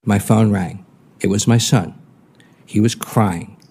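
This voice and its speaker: A man's voice: lowish voice, takes it slowly, creaky, darkish tone, husky. A man testifying at a hearing, recounting events plainly. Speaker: scam victim testifying.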